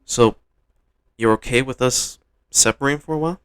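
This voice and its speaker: A man's voice: medium pitch, normal speed, fairly bright tone, smooth, no room sound, pitched above the performer's own voice, lightly acted. A man playing an earnest, competitive young male trainer in a fan-told story, speaking in a sincere, sometimes hesitant way.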